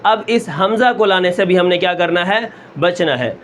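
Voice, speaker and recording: High-voiced man teaching recitation. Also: fairly bright tone. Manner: asks the class a question, then answers it himself; draws out sounds long and slow to show them. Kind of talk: step-by-step teaching with questions and answers.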